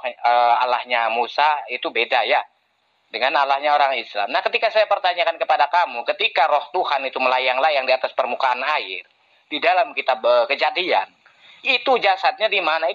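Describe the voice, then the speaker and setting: A man in a heated online debate, mocking his opponent and laughing between jabs. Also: mid-range voice. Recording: muffled lo-fi voice chat audio.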